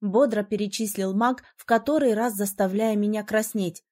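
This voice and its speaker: A woman reading a first-person story aloud as audiobook narrator, with expressive, emotional delivery. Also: medium pitch, normal speed.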